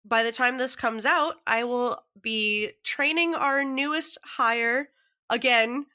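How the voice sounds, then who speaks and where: A woman's voice: fairly high pitch, slow pace, pushed and bright. A woman with a nasal voice, stuffed up from a cold, chatting casually as a podcast co-host. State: congested from a cold. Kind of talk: casual chat.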